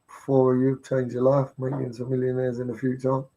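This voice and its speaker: A man's voice: medium pitch, monotone, brisk, warm tone, dull audio. A man ranting on a casual livestream, blunt and insistent, swearing heavily as he pushes his point. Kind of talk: casual live-stream rant.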